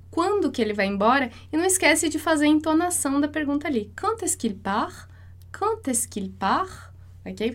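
A woman with a Brazilian Portuguese accent teaching a French pronunciation lesson, explaining in Portuguese and slowing down to model each French phrase. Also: sits high. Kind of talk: online language lesson.

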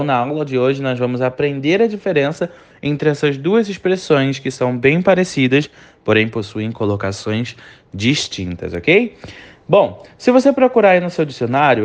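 A man's voice: on the high side, muffled recording. A young man with a Brazilian Portuguese accent teaching an online English lesson in a chatty way, often checking in with his students.

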